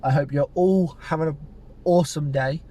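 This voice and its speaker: A man's voice: fairly high pitch, normal speed. A young man talking casually to the camera in a car vlog, rambling with fillers and losing his voice. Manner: chatty, relaxed, rambling with fillers. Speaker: car detailing vlogger.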